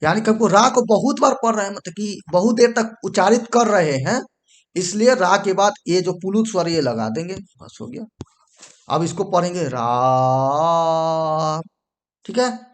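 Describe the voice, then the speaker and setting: A male teacher giving a whiteboard grammar lesson, repeating himself, checking in often and stopping to fix what he wrote. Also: high-pitched. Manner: repetitive, checks in with "ठीक है"; pauses to correct and erase the board.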